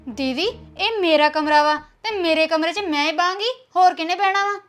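Give me a young woman playing a defiant young bride with a high, blunt voice. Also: moderate pace, fairly bright tone, soft background music. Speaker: actor. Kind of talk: web series drama acting.

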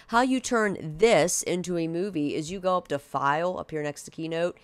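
A woman teacher talking students through a software task in a casual, direct classroom manner. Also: deep voice, no room sound. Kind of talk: screen-recorded software tutorial.

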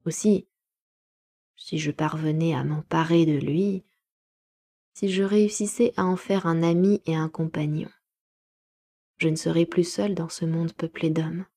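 A woman narrating a classic novel as a home-made live audiobook, measured and expressive. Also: sits low. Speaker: audiobook reader.

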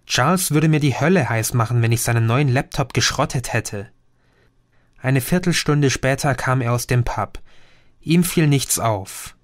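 Male audiobook narrator, unhurried first-person storytelling, dry booth sound. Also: mid-range voice, lively intonation, no echo. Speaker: audiobook reader. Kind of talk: scripted narration.

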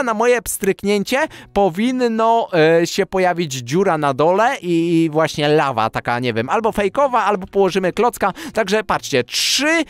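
A man's voice: sits high, clear, resonant tone, dry recording. A man giving playful, chatty Minecraft commentary, talking straight to his viewers and giggling often. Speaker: Minecraft YouTuber.

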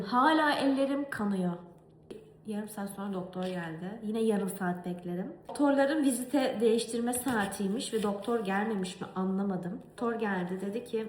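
A young woman from Turkey telling a story in a casual cooking vlog, animated and exasperated. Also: fairly high pitch, roomy sound. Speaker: vlogger. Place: home kitchen.

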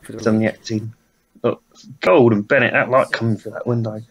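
A man's voice: on the low side, steady tone, brisk. A man giving an improvised, mocking director's commentary, rambling with many hesitations. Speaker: video commentator.

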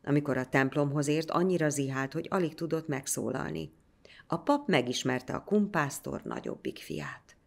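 Low gravelly woman telling a legend. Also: very animated. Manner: measured, storytelling. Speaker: storyteller. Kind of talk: scripted legend narration.

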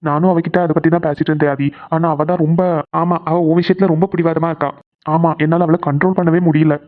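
A woman's voice: low voice, fairly even intonation, fast. A woman who voices the characters of her cartoon channel and talks to viewers in an easygoing way. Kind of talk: cartoon voice acting and chat to viewers. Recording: dull lo-fi recording.

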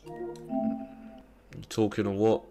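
A man's voice: fairly low pitch, wildly swooping pitch, drawn-out words. A male streamer trash-talking opponents, taunting and insulting them with scornful repeated questions. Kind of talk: live-stream trash talk. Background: game music.

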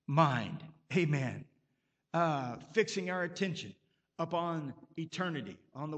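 In the long reverb of a church hall, a pastor preaches a sermon with emphasis, punctuating it with frequent amens. His voice is fairly high pitched and a bit bright.

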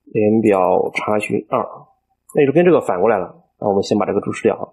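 Guy walking through code step by step, low husky voice, thinks out loud as he types. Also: expressive, quick pace. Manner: explains step by step, thinking aloud with frequent fillers. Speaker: programming instructor. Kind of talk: screen-recorded coding tutorial.

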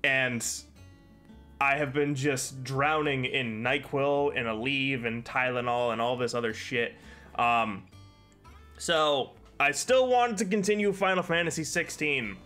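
Game music plays behind a young man whose cold leaves his voice stuffy and congested as he streams from his bedroom over a headset. His rambling, sweary commentary is casual, delivered a little slowly in a mid-range voice that sounds bright and forceful.

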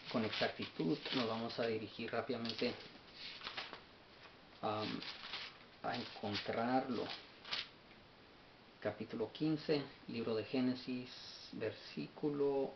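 A man's voice: medium pitch, fairly even intonation, slow pace, long pauses. A man giving an unscripted Bible study lesson, often stopping and repeating words as he searches his notes. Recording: dull lo-fi sound with faint hiss.

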